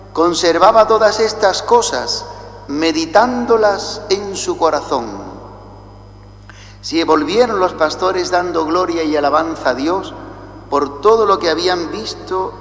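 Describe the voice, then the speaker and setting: High-voiced Spanish priest in cathedral echo. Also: male voice, a bit bright. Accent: Spain Spanish. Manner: slow and deliberate, chanting the liturgical responses. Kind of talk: liturgical homily with chanted gospel. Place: large church. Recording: echoey church with long reverb.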